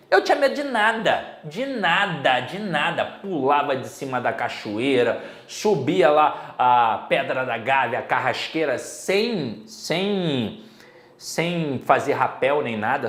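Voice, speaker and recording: A man's voice: a little high, roomy sound. A middle-aged Brazilian man giving a casual exam-prep Portuguese lesson, chatty and full of personal stories. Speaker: Portuguese teacher.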